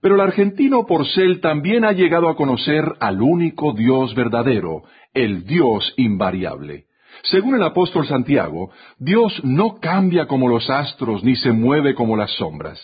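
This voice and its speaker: A man's voice: medium pitch, sing-song, unhurried, slightly rough. A man delivering a scripted radio reflection as a commentator, telling a story and acting out the quotes. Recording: dull lo-fi radio sound.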